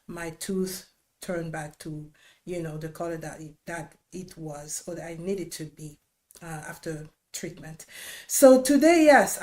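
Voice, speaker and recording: With a low, darkish voice, a Congolese dentist from the Democratic Republic of Congo gives an informal educational talk on a livestream. She speaks in a conversational, instructive way and repeats important points to emphasize them.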